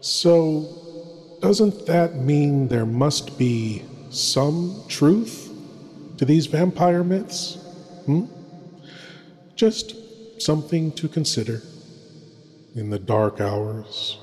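A man performing as a theatrical, ominous horror host lord, with dramatic pauses. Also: on the high side, lively intonation, a little mellow, soft background music. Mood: ominous, musing. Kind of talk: theatrical horror hosting over music. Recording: long cavernous reverb.

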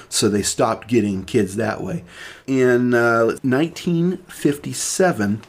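A man's voice: medium pitch, breathy edge. Rambling man hosting a podcast. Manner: rambling, many restarts and fillers. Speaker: podcast host presenting the topic. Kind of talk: casual podcast chat.

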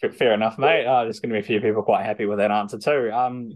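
A man interviewing a guest, firing off quick, friendly questions. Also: on the low side, fairly even intonation. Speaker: interviewer, producer. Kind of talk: casual interview.

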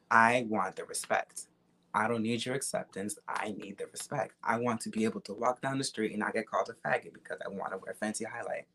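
Young man, lowish voice. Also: brisk, bright, forceful tone, a little hiss or hum, low-quality recording. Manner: emphatic, repetitive, slangy and profane. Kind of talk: casual, candid conversation.

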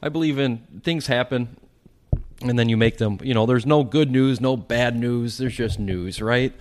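A man's voice: mid-range voice, normal speed, a little hiss or hum. A man co-hosting a podcast, talking in a rambling casual way and repeating words as he goes. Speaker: podcast co-host. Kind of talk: casual chat.

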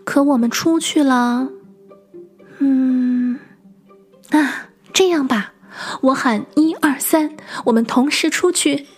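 A woman's voice: slow, pauses often, faint music behind. A woman doing a shy little flower girl. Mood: encouraging. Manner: high, anxious, coaxing childlike voice. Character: shy little female flower, anxious then brave. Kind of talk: storybook voice acting for children.

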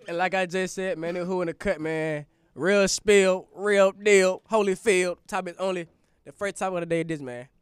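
High-voiced young man hosting a podcast. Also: fairly even intonation, quick pace, clear, resonant tone, no room sound, studio quality. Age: young adult. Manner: loud, joking, swears freely. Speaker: podcast host. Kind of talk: casual group podcast chat.

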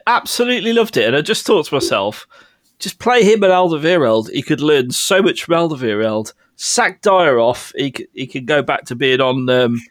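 A man's voice: mid-range voice, fairly bright tone, dry recording, clean studio sound. A man on a football podcast joking and giving blunt opinions, laughing often. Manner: jokey, blunt, laughs a lot. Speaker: podcast co-host. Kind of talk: casual football podcast banter.

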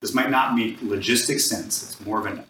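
A man's voice: on the low side, normal speed, sharp tone, recorded from a distance, a little hiss or hum. A man teaching healing vowel sounds as a podcast guest, singing each tone and checking in with "right?". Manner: demonstrates vowel tones by singing them; earnest, ends points with "right?". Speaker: vocal sound healer guest. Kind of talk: guided chakra sound teaching. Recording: echoey room, voice off-mic.

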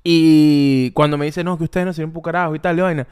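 A young man, co-hosting a podcast and telling a story in animated casual chat, acting out the people he quotes. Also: a little high, quick pace, clear, resonant tone. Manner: animated storyteller, acts out quotes, Venezuelan slang. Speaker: podcast co-host.

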